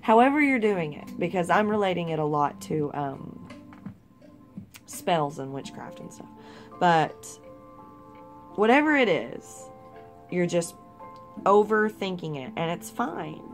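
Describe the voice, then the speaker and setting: A woman's voice: lowish voice, big pitch swings, measured pace, long pauses, soft background music. A young woman giving a casual, rambling tarot reading with some swearing. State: hiccups. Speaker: tarot reader.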